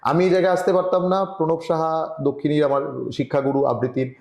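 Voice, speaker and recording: A man from Tripura, India, giving earnest advice as a journalist guest in an online interview, often pausing and restarting. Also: fairly high pitch, level tone, darkish tone, reverberant. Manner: earnest, advising, with frequent hesitations. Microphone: video call.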